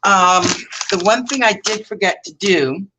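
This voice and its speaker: Here the Canadian craft streamer talks a little slowly at medium pitch, with noise in the background. She keeps up her casual demo chat, wandering a bit and fixing her own slips while she works.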